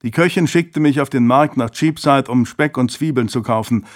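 A man's voice: mid-range voice, normal speed, voice pushed up, lightly acted. A man voicing a defiant, sarcastic teenage boy in an audiobook reading. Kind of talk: audiobook character voice.

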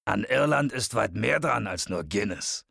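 A man's voice: on the low side, lively intonation, unhurried, gravelly, fairly bright tone, no echo, studio quality, exaggerated voice. A man voicing a brash, foul-mouthed, half-drunk bearded leprechaun in an audiobook. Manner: brash, cursing, swaggering. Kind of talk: audiobook character voice.

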